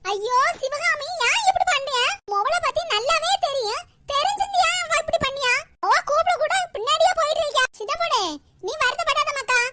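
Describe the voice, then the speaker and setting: A woman's voice: very high-pitched, fairly quick, bright, forceful tone, no echo, studio quality, heavily acted. A woman voicing a nosy, sympathetic old grandmother in a cartoon, with a Kanyakumari Tamil accent and a gossiping manner. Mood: fretting. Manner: gossipy commentary on others.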